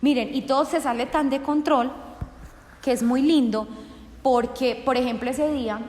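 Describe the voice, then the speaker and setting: A woman's voice: high-pitched, fairly even intonation, normal speed, darkish tone. A woman sharing a personal faith testimony with an audience, earnest and acting out remembered conversations. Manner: earnest, acts out remembered dialogue. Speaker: speaker giving a testimony. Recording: echoey hall with long reverb.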